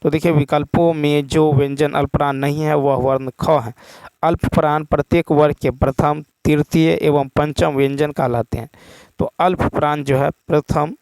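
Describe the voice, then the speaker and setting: A man teaching exam questions in a steady explaining manner, often stopping to check with a quick "okay". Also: fairly high pitch, clean tone, no echo.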